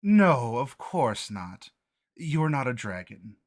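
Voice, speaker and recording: A man's voice: mid-range voice, sing-song, slow pace. Man playing a matronly, moralizing headmistress. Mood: reassuring. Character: matronly female orphanage headmistress, prim and moralizing.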